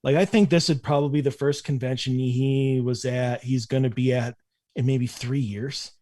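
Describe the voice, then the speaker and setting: A man talking as a podcast guest in a relaxed way, with many fillers and halting starts. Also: medium pitch, no room sound, clean studio sound. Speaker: convention director, guest. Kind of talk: casual chat.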